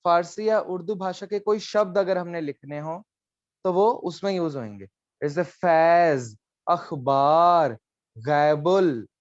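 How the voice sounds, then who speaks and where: A man's voice: high voice, moderate pace, a little mellow, dry recording, dull audio. A man teaching a live online class, explaining letters patiently and coaxing students, dropping in English phrases.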